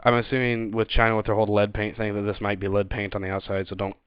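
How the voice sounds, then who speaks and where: Low-voiced man, dull webcam audio. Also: monotone, fast, smooth, no echo. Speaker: gear reviewer presenting a video. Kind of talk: casual unscripted product review. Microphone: webcam setup.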